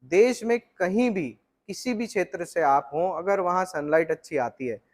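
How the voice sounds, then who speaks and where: A middle-aged man with a fairly high voice walks through flour mill machinery for the viewer. He explains each part in a steady, technical way. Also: normal speed. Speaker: flour mill equipment seller. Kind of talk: explanatory product walkthrough.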